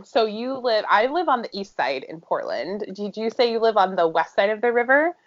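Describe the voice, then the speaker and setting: A woman from the United States co-hosting a casual podcast, enthusiastic and giggly as she talks. Her voice is mid-pitched for a woman. The recording sounds slightly dull and lo-fi. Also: very animated, normal speed. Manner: enthusiastic and giggly, with many uses of "like". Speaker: podcast co-host. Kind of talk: casual chat.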